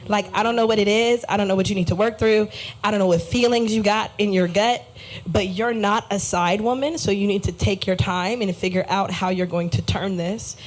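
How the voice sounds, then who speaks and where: A woman's voice: mid-range voice, a little fast, poor audio. An American woman in her young adult years talks about her path in an earnest, reflective way. Her voice sits in a medium range. It was recorded at a live event in a cafe. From United States. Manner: warm, earnest and reflective, with lively quoted voices. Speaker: guest musician. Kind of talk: casual live interview.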